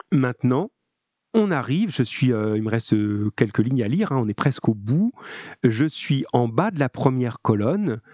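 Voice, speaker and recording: A French-accented man teaching, chatty and full of little asides as he reads a text aloud and comments on it. The audio is slightly dull and muffled, and the sound is dry and close with no room around it. His pitch sits in a middle range. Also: a little mellow, no room sound. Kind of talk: online class lesson, reading aloud and explaining.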